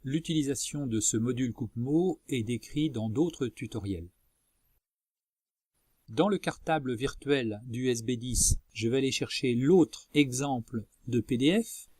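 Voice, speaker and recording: A man presenting a software tutorial as a screencast voice-over, explaining methodically step by step. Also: medium pitch, a little slow, husky, no echo, studio quality. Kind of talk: instructional screencast narration.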